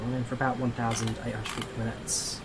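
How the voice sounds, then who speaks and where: Male livestreamer, casual gameplay commentary, middle pitch, noisy ambient backdrop. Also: quick pace. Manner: informal, thinking aloud. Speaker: flight simulator streamer. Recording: steady background noise, engine-like ambience.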